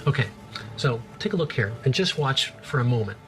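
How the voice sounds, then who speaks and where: A man's voice: medium pitch, animated, a little fast, over music. A middle-aged man, a research scientist, explaining things informally and with wonder as an expert in a nature documentary. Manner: enthusiastic, marvelling, plain-spoken.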